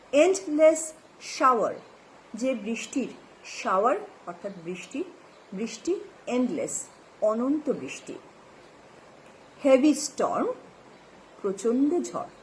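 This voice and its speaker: Woman, Bengali accent, English teacher, slow careful reading, spells words aloud, lively pitch, faint background hiss. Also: poor audio. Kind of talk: classroom lesson explaining text and vocabulary.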